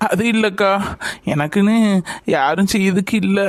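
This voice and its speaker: A man plays an emotional pregnant young woman in a homemade family skit. The voice sits high and sounds close and dry. She talks in a grateful, pleading way. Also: moderate pace, no room sound, lightly acted. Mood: tearful.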